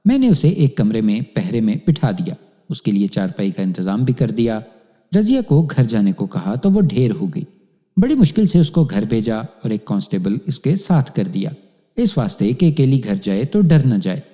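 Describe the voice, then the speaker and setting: A man's voice: mid-range voice, sing-song, dark tone. Man reading a dramatic audiobook. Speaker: storyteller narrating as police inspector. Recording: long hall reverb.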